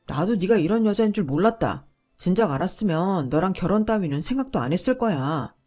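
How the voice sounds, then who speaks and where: A woman's voice: lowish voice, lively intonation, a little fast, darkish tone, soft background music. Woman playing a sneering, selfish husband. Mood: angry. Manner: dismissive and sneering. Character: selfish, defensive young husband, quick to argue.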